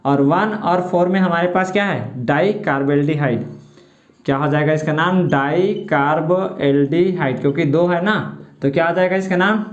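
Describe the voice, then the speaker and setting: A man teaching a chemistry lesson, asking questions and answering them himself while stretching out key terms. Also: high voice. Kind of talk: classroom lecture with call-and-response. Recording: roomy, muffled lo-fi sound.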